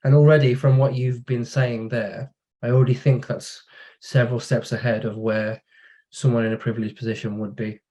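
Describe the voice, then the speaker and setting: Male podcast guest, warm low-key tone, anecdotal and conversational. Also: normal speed. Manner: relaxed storytelling, acts out quoted dialogue. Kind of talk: casual conversation.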